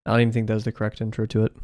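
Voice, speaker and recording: On a live stream, a young man draws and talks casually in a voice on the low side and a little mellow. He rambles, laughs often and jokes at his own expense, from an apartment room fitted with acoustic foam.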